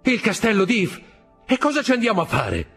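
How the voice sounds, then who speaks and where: A man's voice: sits high, fairly quick, slightly rough, soft background music, pitched above the performer's own voice. A man reading aloud voices a desperate young male prisoner who cries out in rising alarm.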